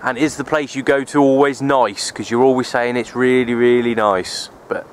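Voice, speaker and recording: Off the cuff and at a normal speed, a mid-pitched man with fairly even intonation rambles through casual vlog narration, resigned and low-key, circling back over what he's said. He's an outdoor radio hobbyist on an open wooded hilltop, holding a handheld camera whose built-in mic picks up faint noise behind him.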